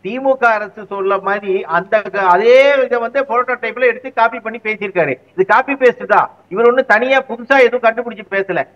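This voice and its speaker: A man's voice: sits high, brisk, few pauses, highs cut off. A man speaking as a guest commentator in a heated political interview, arguing his side with repeated rhetorical questions.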